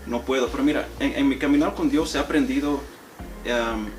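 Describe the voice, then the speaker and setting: A man's voice: mid-range voice, normal speed, recorded from a distance, a little hiss or hum. A man hosting a chat, talking reflectively and dropping English fillers into his speech. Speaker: podcast host. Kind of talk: casual chat.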